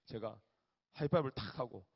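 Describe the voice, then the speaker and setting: A man, a youth pastor telling lively stories in his sermon. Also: medium pitch, fairly quick, gravelly, slightly rough. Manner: animated storyteller, acts out family voices. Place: church hall. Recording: dull echoey church hall recording.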